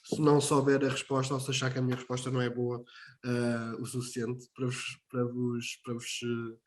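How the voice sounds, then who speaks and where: A man hosting an online talk session on a video call, friendly and relaxed. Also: medium pitch, fairly quick. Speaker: host.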